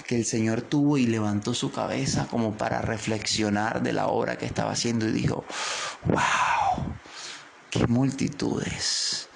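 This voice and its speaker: A man's voice: medium pitch, creaky, a little hiss or hum. A man with a Colombian coastal accent preaching a devotional, fervent and repetitive, stretching out key words for emphasis. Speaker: pastor.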